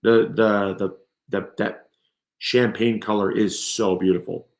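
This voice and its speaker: A man's voice: on the low side, steady tone, measured pace, vocal fry, echoey room. A man hosting a gardening live stream, gushing over seeds and plants, his voice strained and tired from coughing. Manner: enthusiastic, gushing. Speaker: gardening channel host. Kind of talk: live stream product showcase.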